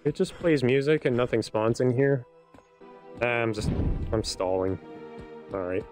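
A man's voice: mid-range voice, expressive, measured pace, a little mellow, soft background music. A man streaming a horror game with live casual commentary, scared, jumpy and swearing as he goes.

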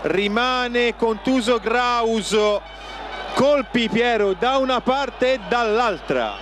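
A man's voice: extremely high pitch, slow, music in the background. A man giving live football play-by-play in clipped phrases, calling out players' names. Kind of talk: live match commentary. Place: outdoor football stadium stand. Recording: noisy outdoor stadium TV broadcast.

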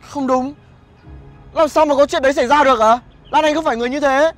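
A man's voice: very high voice, fairly even intonation, quick pace, a bit bright, soft background music. A young actor playing a bewildered son who earnestly protests to his mother. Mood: protesting.

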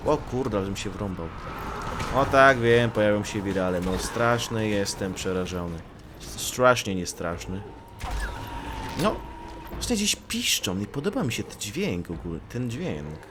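A man commentating his own gameplay in a joking, chatty way, his pitch swinging widely. He teases the enemies on screen as he goes. Clear noise sits under his voice. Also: big pitch swings, moderate pace. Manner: joking, talks to the enemies he fights. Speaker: gaming YouTuber. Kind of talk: Let's Play commentary.

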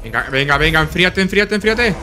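A young man with a Spain Spanish accent giving live gameplay commentary, talking to himself in quick repeated bursts and swearing and yelping whenever he is under attack. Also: a little high, faint music behind. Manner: excitable, swears and yelps when under attack. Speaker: gaming channel host.

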